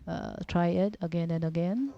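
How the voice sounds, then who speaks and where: A woman from Japan with a Japanese accent giving an informal religious teaching talk in halting, simple non-native English, repeating her phrases. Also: fairly low pitch, gravelly. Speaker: religious seminar speaker. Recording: dull, muffled lo-fi audio.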